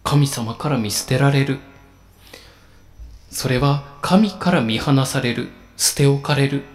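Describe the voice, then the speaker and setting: Solemn, measured male preacher. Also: medium pitch, faint music behind. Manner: slow, solemn, measured delivery with emphatic pauses. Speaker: pastor. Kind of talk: sermon.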